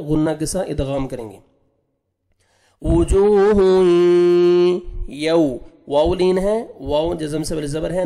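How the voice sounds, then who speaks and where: A man teaching Quran recitation, patiently spelling out letters and sounds, then drawing out each recited word slowly. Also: a little high, dark tone. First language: Urdu.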